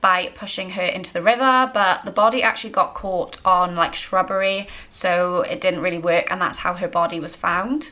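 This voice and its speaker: A woman in her twenties hosts a true-crime vlog from a small room at home, telling the story to camera. Her mid-range voice is bright and forceful, and her delivery is conversational and matter-of-fact.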